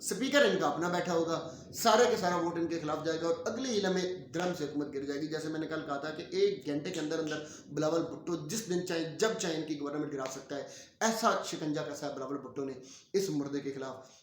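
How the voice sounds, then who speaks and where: A man delivers political commentary in an opinionated, forceful way, filling pauses with hesitation sounds. His voice sits a little high for a man. The recording is roomy and echoey. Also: slight background noise. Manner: opinionated, emphatic, with frequent filler sounds. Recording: roomy echo.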